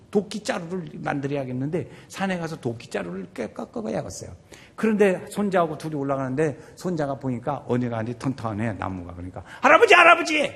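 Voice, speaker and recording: A male pastor preaching a sermon, urging the congregation on with animated rhetorical questions. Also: a little high, in a large hall.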